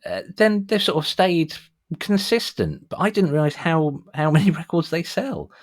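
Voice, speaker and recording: A man's voice: on the high side, lively intonation, normal speed, no echo. A middle-aged man, chatting casually and telling anecdotes as a music show host. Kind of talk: casual chat.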